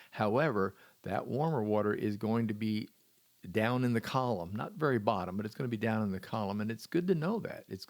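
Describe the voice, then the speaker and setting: A man's voice: on the low side, no echo. A man hosting a fishing podcast, giving practical tips in a folksy, wry manner with dry self-deprecating humor. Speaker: fishing podcast host and charter captain. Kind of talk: solo podcast tips talk.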